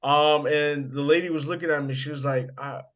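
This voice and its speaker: A young American man hosting a casual chat, telling animated stories and swearing freely. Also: a little high, a little fast. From United States. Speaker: podcast host.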